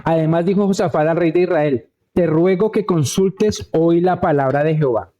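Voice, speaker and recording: A man's voice: a little high, moderate pace, highs cut off. A man preaching a conversational sermon, telling a Bible story and checking in with the congregation. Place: church.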